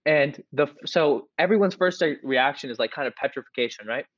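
A young man co-hosting a podcast, telling a story in a casual, excitable way with lots of "like" and restarts. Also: on the high side, brisk, no room sound, muffled recording. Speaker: podcast co-host.

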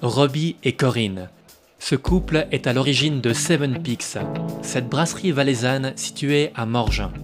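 A man hosting a podcast, reading a clear scripted intro and then interviewing guests. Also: mid-range voice, measured pace, over music.

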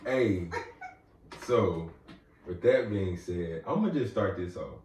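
A man's voice: deep voice, animated, takes it slowly, a little mellow. A man hosting a podcast in casual chat, loose, slangy and joking with his guest. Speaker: podcast host. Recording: roomy, distant mic, faint ambience.

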